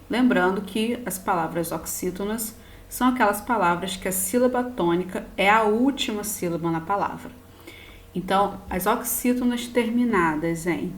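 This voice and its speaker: A woman teacher with a Brazilian Portuguese accent and a mid-range voice records a lesson, patiently spelling out word endings one by one. The recording has a roomy echo and a slight hiss or hum.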